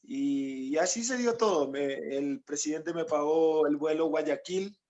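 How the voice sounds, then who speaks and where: A man's voice: on the high side, unhurried, darkish tone, highs cut off. A footballer from Paraguay, recounting his story in an interview and speaking in long, rambling stretches with many tag questions. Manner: rambling, quotes others, frequent "¿no?" tags. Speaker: footballer guest.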